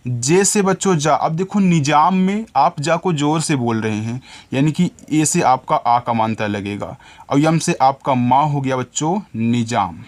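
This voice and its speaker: A man's voice: medium pitch, measured pace. A male teacher giving a spelling lesson, sounding words out letter by letter and addressing his viewers as children.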